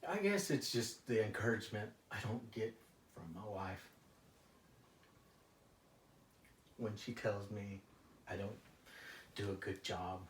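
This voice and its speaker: Distant and echoey, with faint noise, a man acts out a male therapy client worn down by stress. He is a frustrated working family man who confides haltingly, trailing off between phrases. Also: fairly low pitch, close to an everyday voice. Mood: subdued. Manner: halting, hesitant, confessional, with frequent trailing phrases. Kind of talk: therapy role-play.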